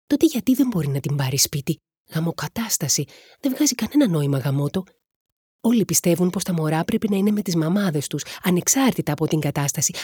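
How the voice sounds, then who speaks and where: A woman reading a novel aloud in a steady, even storytelling manner. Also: fairly low pitch, slightly rough, dry recording, clean studio sound. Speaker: audiobook narrator.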